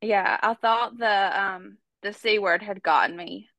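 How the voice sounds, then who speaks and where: A woman with a mid-range voice hosts a podcast, telling a true-crime story in a chatty, casual, conversational way full of fillers. She's congested with a cold, yet her unhurried delivery sounds bright and forceful. The recording is dry.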